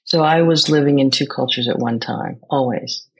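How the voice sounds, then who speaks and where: Brief: American woman guest, husky and breathy, reflective, pauses to find words. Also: a bass voice, poor audio. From United States. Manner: thoughtful, searching for words, many restarts. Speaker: guest, poet and playwright. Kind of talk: reflective conversation.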